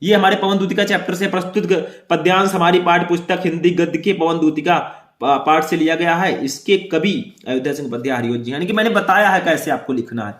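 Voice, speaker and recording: A young man teaches exam prep, taking students through each question step by step. His voice sits fairly high. The sound bounces around an echoey room. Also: a bit bright. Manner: explains step by step, reads passages slowly aloud.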